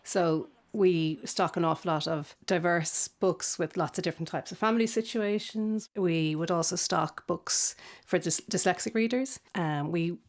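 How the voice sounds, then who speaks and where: A woman's voice: fairly low pitch, normal speed, few pauses. A woman who owns a bookshop, answering interview questions in an earnest way. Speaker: bookshop owner. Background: background music.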